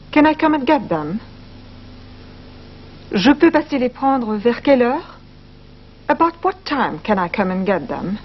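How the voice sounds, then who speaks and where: A woman presenting a language course, carefully explaining and repeating phrases for learners. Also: on the high side. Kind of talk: scripted educational narration. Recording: slightly muffled broadcast audio, faint hiss.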